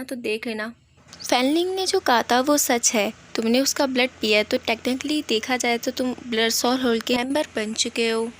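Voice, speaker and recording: A woman narrating a casual recap of an animated episode, chatty and mixing in many English words. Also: fairly high pitch, a little hiss or hum. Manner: addresses viewers as guys.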